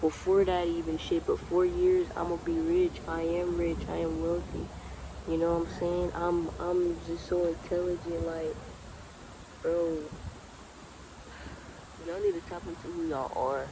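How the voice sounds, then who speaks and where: A man in his twenties vlogs by the water about spirituality, his slightly high voice showing little pitch movement at a measured pace. The background is noisy, and his motivational talk is casual, earnest, laid-back and repetitive.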